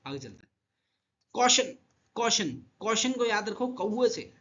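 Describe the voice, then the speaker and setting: A man teaching vocabulary in an online lesson, repeating words and asking and answering his own questions. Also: moderate pace. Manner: animated, jumps in pitch and loudness. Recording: dull lo-fi sound.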